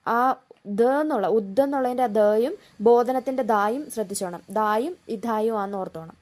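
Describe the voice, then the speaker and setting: Female exam-prep tutor, slightly high voice, deliberate word-by-word dictation. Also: a little mellow. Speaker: exam coaching teacher. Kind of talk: exam-prep spelling lesson.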